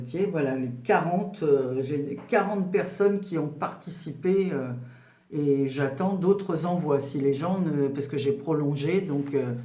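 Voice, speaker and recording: A woman's voice: deep voice, warm tone, roomy sound. A woman in her sixties chatting casually to her viewers as she unboxes craft parcels, rambling along with many fillers. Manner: rambling and chatty, full of "voilà" and "donc". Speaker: craft channel host. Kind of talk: casual unboxing chat to camera.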